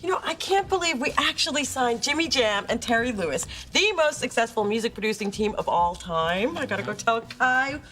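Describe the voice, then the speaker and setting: An actress playing an upbeat young woman in the music business in a sitcom, brisk and excitable. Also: fairly high pitch. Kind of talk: sitcom acting.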